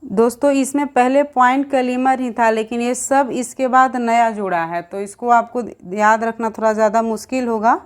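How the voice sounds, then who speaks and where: A young woman runs through an exam revision lesson at speed, reading out long lists of names. Her voice sits slightly high, and she keeps addressing her viewers as friends. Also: fairly even intonation, normal speed, clear, resonant tone. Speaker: exam-prep teacher.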